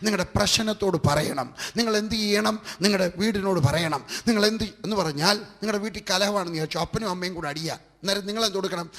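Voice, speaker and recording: A man's voice: high voice, fast talker, few pauses, a bit bright. A man preaching a fervent sermon with a Malayali accent, building his points through repeated rhetorical lines. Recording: long hall reverb.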